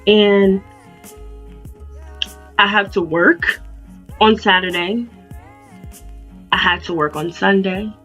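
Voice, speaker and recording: A young adult woman vlogging a storytime in an animated, casual way, with plenty of swearing. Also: medium pitch, slow pace, long pauses. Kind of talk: storytime vlog. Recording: dull lo-fi sound with faint music.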